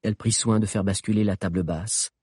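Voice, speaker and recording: A man with a husky voice narrating an audiobook in an expressive storytelling manner. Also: fairly low pitch, a little fast, dry recording, clean studio sound.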